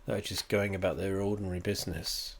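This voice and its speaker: Stuffy guy with a lowish voice, rambling and swearing through a casual review at home. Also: flat delivery, fast, creaky, slight background noise. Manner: meandering, profane, wry. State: congested, coughing. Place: at home indoors.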